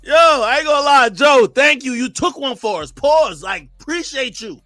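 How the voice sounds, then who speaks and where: A man hosting a live stream, talking in an animated, excitable way, often shouting and laughing. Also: extremely high pitch, moderate pace, no room sound, faint music behind. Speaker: livestream host.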